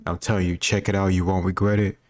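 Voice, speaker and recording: Reacting to a history quiz video, an American host chats casually in fast, low, fairly flat speech. His commentary rambles, is full of opinions, and he keeps correcting himself.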